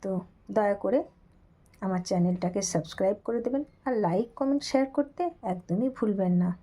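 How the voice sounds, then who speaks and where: A woman's voice: medium pitch, fairly quick, warm tone, rough recording. A woman hosting a home cooking video, chatting directly to her viewers from her kitchen. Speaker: cooking channel host. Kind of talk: casual cooking video talk.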